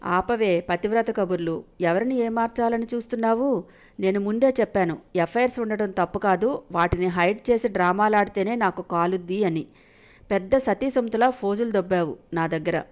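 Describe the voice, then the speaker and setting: A woman's voice: medium pitch, normal speed, natural voice. A woman storyteller voicing a furious young husband who hurls harsh, contemptuous accusations. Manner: shouting angry accusations.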